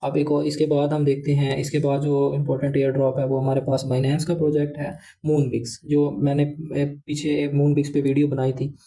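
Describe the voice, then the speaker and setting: Flat, dark-toned man explaining. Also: a little high, moderate pace, hardly any pauses, low-quality recording. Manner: rambling, leans heavily on filler phrases. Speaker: crypto channel host. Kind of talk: casual explainer walkthrough.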